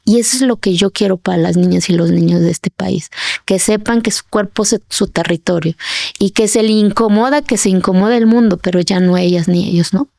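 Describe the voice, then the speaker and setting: A woman's voice: mid-range voice, fairly quick, gravelly, a little mellow, dry recording, clean studio sound. A woman from the mountains of Oaxaca, Mexico, speaking as an activist guest, telling her story with passion and emphasis and often asking "¿sabes?". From Sierra Sur of Oaxaca, Mexico. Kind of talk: emotional interview storytelling.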